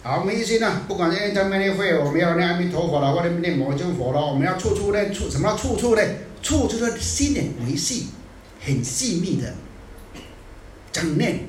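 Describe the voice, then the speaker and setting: A man giving a Buddhist dharma talk in a scolding, animated way, dropping in English phrases now and then. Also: high voice, normal speed, a little hiss or hum. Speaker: Buddhist teacher. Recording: echoey room, distant mic.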